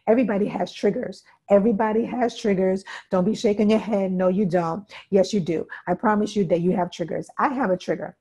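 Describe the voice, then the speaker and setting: A woman's voice: on the low side, warm tone, slightly rough. A woman instructor giving an interactive workshop talk, emphatic and repeating key points while often checking in with her listeners. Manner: emphatic, checks in with "okay?" and "right?".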